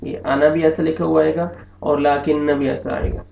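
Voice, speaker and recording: A man with an Urdu accent teaches Quran reading, his voice slightly high and gravelly as he explains patiently and repeats each word slowly. The sound is dull and lo-fi, with echo from the room. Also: level tone. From Pakistan. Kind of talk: online recitation lesson.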